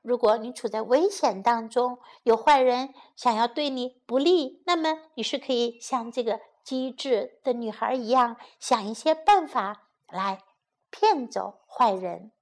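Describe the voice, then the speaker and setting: A woman teacher narrating a children's story and English lesson in a gentle, coaxing tone. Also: on the high side, expressive, measured pace.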